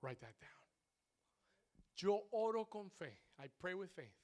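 A high-voiced male pastor preaches to his congregation, climbing to loud shouts and then sinking low and slow. He repeats his key lines in English. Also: very animated. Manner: repeats each point in English. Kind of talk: bilingual sermon. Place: church sanctuary.

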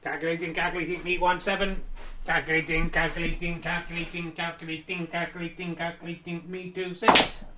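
A man voicing a robot scorekeeper that reads out snooker points in a flat, mechanical, repetitive way. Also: a little high, fairly quick, reverberant, far from the mic, noisy background, close to an everyday voice. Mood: robotic. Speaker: mock snooker commentator.

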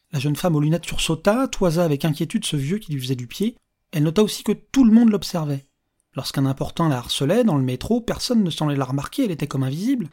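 A narrator reading a story aloud in a calm, measured audiobook style. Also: medium pitch.

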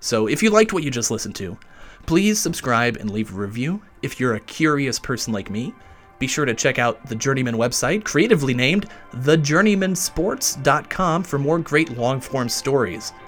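A man hosting a podcast, reading a scripted sports story with wry, lively storytelling and closing with a casual thank-you, recorded inside a closet in a basement. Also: medium pitch, moderate pace, soft background music. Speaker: podcast host. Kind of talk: scripted narration, then casual sign-off.

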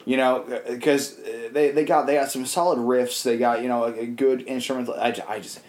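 A man's voice: medium pitch, steady tone, a little fast, darkish tone. A young man in casual chat on a podcast, rambling with lots of fillers and swearing freely.

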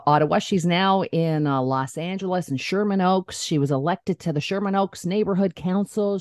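A woman's voice: fairly low pitch, dry recording, studio quality. A middle-aged woman hosting a podcast in a casual, chatty, joking way. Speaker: podcast host.

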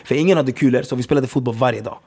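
A man in his thirties, a former pro footballer from Gothenburg, telling animated, slang-heavy stories in a casual podcast chat. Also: medium pitch. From Gothenburg, Sweden. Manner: animated storytelling, slang-heavy, keeps asking if you follow.

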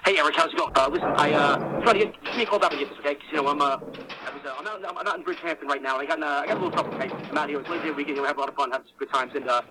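A man calling collect from jail, his voicemail played back over the phone line, rambling and halting with lots of fillers. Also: a little high, heavy background noise. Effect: collect call from jail, voicemail played over the phone line. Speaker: caller.

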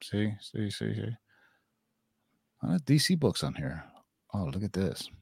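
A man's voice: fairly low pitch, sing-song, measured pace, creaky, darkish tone, breathy edge, no room sound, studio quality. A man co-hosting a casual comic sales chat, joking and swearing, trailing off with fillers. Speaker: co-host of a comic sales show.

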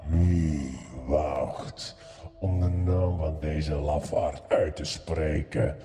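A man voicing a giant male tiger in a storybook, speaking with barely held-back rage from inside a cave, his deep voice echoing. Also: fairly even intonation, mellow, slightly rough, soft background music, heavily acted. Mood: angry. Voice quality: deep, slow and menacing. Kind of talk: storybook narration with voiced characters. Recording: long cave-like reverb.

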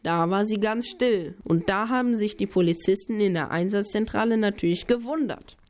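A woman's voice: medium pitch, normal speed, darkish tone. Woman spinning a kids' story with a partner, playful, keeps cutting in, mid voice. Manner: playful, interrupts to twist the plot. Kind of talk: playful two-person children's storytelling.

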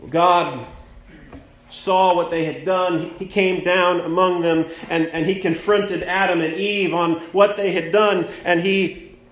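A man preaching at a pulpit microphone, his fairly high voice unhurried and conversational as he leans on key words. The sound bounces around an echoey church sanctuary. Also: steady tone, a bit bright. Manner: plainspoken, conversational preaching with slow emphatic stresses. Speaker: pastor. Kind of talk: sermon.

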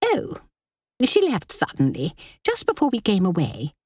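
A woman's voice: wildly swooping pitch, a little slow, a little mellow, husky, no echo, studio quality, full character voice. A woman voicing a tactless, scolding aristocratic lady in a storybook reading. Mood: sulky. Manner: shrill, scolding, sulky. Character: tactless nagging aristocratic middle-aged woman.

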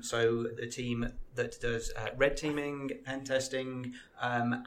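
A man appearing as a podcast guest, explaining his security work in a measured way with some fillers. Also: mid-range voice, a bit bright.

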